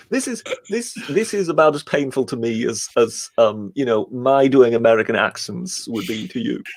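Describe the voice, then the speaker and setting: A man's voice: medium pitch, lively intonation, normal speed. A British man on a livestream, chatting in a dry, wry and polite way. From Britain. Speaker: guest. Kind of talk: casual livestream chat.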